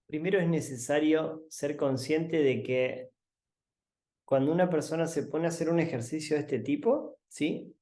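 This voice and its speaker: A man's voice: on the high side, unhurried. Earnest therapist man. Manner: calm, earnest, emphatic explaining. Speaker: family constellation therapist, guest. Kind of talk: guided visualization and explanation.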